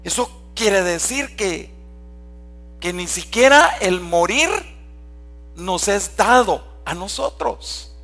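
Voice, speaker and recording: Slow, high-voiced Guatemalan pastor preaching. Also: male voice, animated, sharp tone. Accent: Guatemalan Spanish. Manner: slow, emphatic preaching with questions to the congregation. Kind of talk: sermon.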